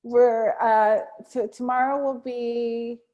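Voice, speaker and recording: A woman tapping practitioner who leads slow spoken affirmations, then chats and giggles with her co-host. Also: a little high, fairly even intonation, dark tone, lo-fi sound. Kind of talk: guided tapping affirmations, then casual chat.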